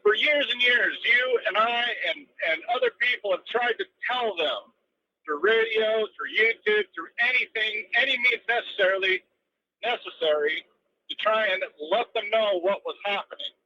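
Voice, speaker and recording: A man with a high, bright voice calls in to a radio show from a moving truck. The line is muffled and lo-fi, with road noise behind him. He rambles earnestly and stacks up his points with plenty of ums. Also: animated, normal speed. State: driving while talking. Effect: phone call from a moving truck. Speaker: radio call-in caller. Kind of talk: casual call-in chat. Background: road and vehicle noise.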